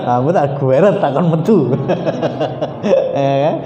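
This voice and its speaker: A male preacher with a Javanese accent giving an animated, joking religious study lecture, slipping into Javanese and Arabic recitation. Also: a little high, a little slow, highs cut off, crowd noise. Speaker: Islamic preacher. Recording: echoey hall, faint background noise.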